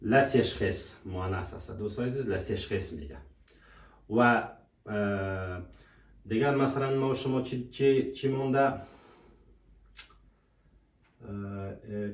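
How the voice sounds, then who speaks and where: Brief: male language teacher, slow repetitive drilling, lowish voice, distant mic in an echoey room. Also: a little mellow. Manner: repeats each word slowly, asks and answers his own questions. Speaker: French teacher. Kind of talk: language lesson.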